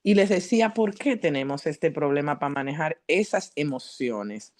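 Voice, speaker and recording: A woman psychologist giving a teaching talk at a church, addressing the congregation directly and asking them questions in a lively, earnest way. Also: sits low, moderate pace. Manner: lively, earnest preaching delivery.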